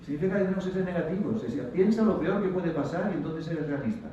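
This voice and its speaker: Man, Spanish accent, motivational lecture, animated, mellow voice, far from mic, very echoey hall. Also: on the high side, quick pace, a little hiss or hum. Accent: Spanish from Spain. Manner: animated, acts out quoted voices. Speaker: guest lecturer. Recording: distant, dull-sounding mic in a very echoey hall.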